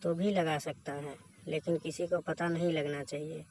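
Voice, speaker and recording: Teasing bossy young housewife voiced by a guy, storybook reading, kinda monotone, bit of hiss. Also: a little high, normal speed, close to an everyday voice. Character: bold teasing married woman, young.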